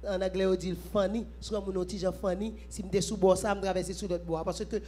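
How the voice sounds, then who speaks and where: A woman's voice: mid-range voice, fairly even intonation, a little fast, warm tone. A woman with a Haitian accent leads a church prayer vigil, mixing Creole, French and English and breaking into sung worship.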